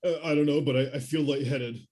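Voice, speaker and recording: A man's voice: fairly high pitch, fairly even intonation, fast talker, a little mellow, natural voice. A man playing a big, dim, whiny henchman with a petulant, bullying manner in a sci-fi comedy spoof. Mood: dazed, petulant.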